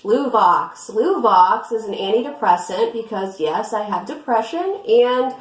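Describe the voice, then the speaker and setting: A woman's voice: mid-range voice, lively intonation, measured pace, roomy sound. A young woman explaining things in a matter-of-fact way as a vlog co-host. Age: young adult. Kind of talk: casual chat.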